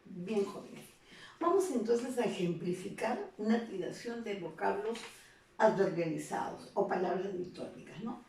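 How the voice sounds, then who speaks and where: Woman, teacher, step-by-step explaining, gravelly voice, distant mic. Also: medium pitch, animated, measured pace, darkish tone. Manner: explanatory, checks in with frequent tag questions. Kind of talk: recorded classroom lesson. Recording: echoey room, voice off-mic, faint noise.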